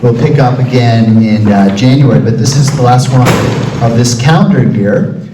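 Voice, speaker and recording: A man hosting a church forum interview, relaxed and hesitant, with many pauses. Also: medium pitch. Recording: echoey hall, voice from far off mic, faint noise.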